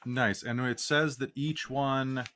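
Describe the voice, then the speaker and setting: A man's voice: medium pitch, fairly even intonation, slow pace, sharp tone. A man playing a tabletop game in a casual, joking way. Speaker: player.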